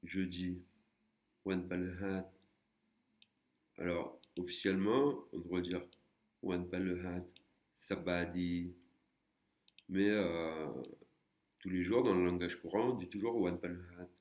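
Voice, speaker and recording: Slow, deep-voiced male language teacher. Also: steady tone, darkish tone, lo-fi sound. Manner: patient, explains step by step with many hesitations. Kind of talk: screen-recorded lesson.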